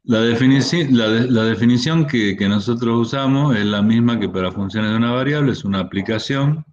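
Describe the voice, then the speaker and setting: A man's voice: medium pitch, brisk, dull audio. A man giving an online university math lecture, explaining step by step with frequent restarts and fillers.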